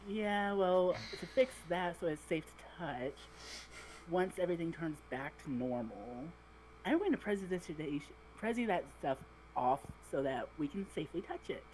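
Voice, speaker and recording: A tabletop player explaining things in a measured way. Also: medium pitch, expressive, darkish tone, a little hiss or hum, rough recording.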